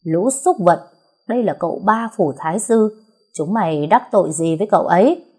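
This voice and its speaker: A woman's voice: lowish voice, animated, normal speed, mellow, slightly rough. A woman voicing an arrogant male district mandarin who swaggers and bullies. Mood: angry. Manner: swaggering, then obsequious.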